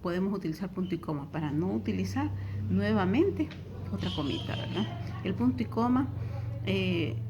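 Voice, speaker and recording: A woman's voice: mid-range voice, darkish tone. A middle-aged woman with a Honduran Spanish accent, teaching a recorded tutoring lesson and explaining step by step, often checking in with a question tag.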